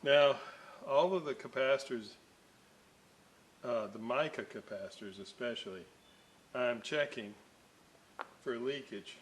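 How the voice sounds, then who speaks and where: A hobbyist host talks through restoring a radio at his electronics bench in a medium-pitched voice, keeping a measured pace and pausing often. He rambles casually, full of fillers and digressions. A little hiss or hum sits under the recording.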